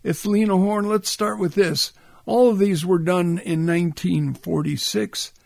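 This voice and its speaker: Gravelly, slow-talking male radio host. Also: high voice, fairly even intonation, a little mellow, dry recording. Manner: easygoing, conversational, unhurried. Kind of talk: relaxed radio DJ talk between records.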